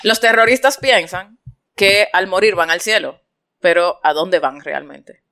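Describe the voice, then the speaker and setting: A woman's voice: lowish voice, measured pace, a bit bright. A woman trading jokes in a playful, giggly casual chat. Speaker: joke teller.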